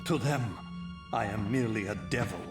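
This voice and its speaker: An actor playing an ancient, gentle male vampire, last of his race, speaking in a weary, solemn, formal manner in a dramatic video game. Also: fairly low pitch, moderate pace, close to an everyday voice. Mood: weary sorrow. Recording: echoey, loud music behind.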